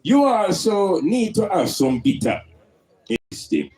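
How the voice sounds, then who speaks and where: Jamaican rasta man teaching in rastafarian speech, takes his time, really animated pitch, asks the crowd questions. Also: unhurried. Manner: emphatic, rhetorical questioning, Rastafari idioms. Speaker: Rastafari elder speaker.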